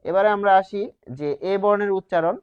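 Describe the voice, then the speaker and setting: A man's voice: high voice, steady tone, a little fast, clear, resonant tone. Man teaching grammar in a lo-fi recording. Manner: explains step by step, asks and answers his own questions. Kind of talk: grammar lesson at a whiteboard. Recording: slightly dull, lo-fi sound.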